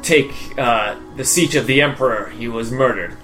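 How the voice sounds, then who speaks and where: A man's voice: medium pitch, moderate pace, pushed and bright, faint music behind, pitched below the performer's own voice, natural voice. A man doing a stern, curt city guard. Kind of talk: tabletop game character voice.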